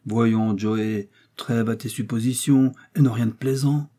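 A man voicing a blunt, steady male hunter in an audiobook, talking in a firm, matter-of-fact way. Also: mid-range voice, a little slow, natural voice. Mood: dismissive.

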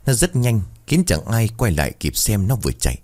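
A man narrating a ghost story in a dramatic, expressive way. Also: lowish voice, a little fast.

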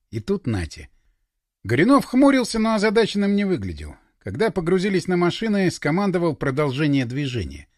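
A man reading a first-person novel aloud as an expressive audiobook narrator, close to the microphone. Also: a little high, no room sound. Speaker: audiobook reader.

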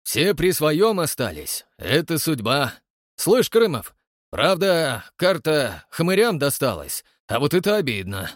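A man voicing a gruff, folksy older man who speaks in a slow drawl. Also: on the high side, sing-song, no room sound, studio quality, pitched above the performer's own voice.

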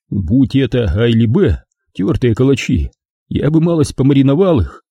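A man reading a first-person audiobook with wry, expressive storytelling. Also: mid-range voice, husky, no echo, clean studio sound. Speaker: audiobook reader.

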